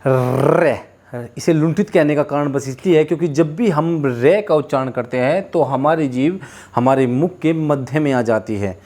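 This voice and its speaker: A man gives a classroom pronunciation lesson in Hindi, repeating sounds and explanations and having students say them along with him. He drills the sounds aloud repetitively and addresses viewers as children and friends. His voice is a little high and slightly mellow, at a moderate pace.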